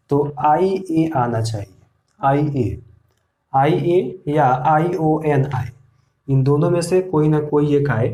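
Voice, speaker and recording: A man teaching an English pronunciation lesson, slowly repeating rules and asking the viewers questions. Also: a little high, mellow. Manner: slow, repeats rules and asks the class questions.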